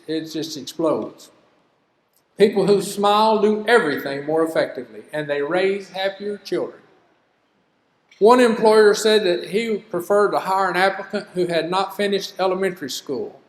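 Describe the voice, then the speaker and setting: An older man with a drawl teaches in a homespun, storytelling way, earnest and plain-spoken. His voice sits a bit high for a man. The sound rings through a reverberant hall, with a long echo trailing each phrase. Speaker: business teacher. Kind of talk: folksy teaching talk.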